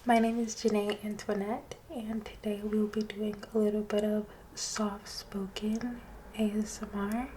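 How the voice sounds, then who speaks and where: A woman doing soft-spoken ASMR reading, drifting between a hushed voice and a whisper. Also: medium pitch, flat delivery, a little slow. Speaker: ASMR channel host. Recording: street noise in background. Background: street traffic.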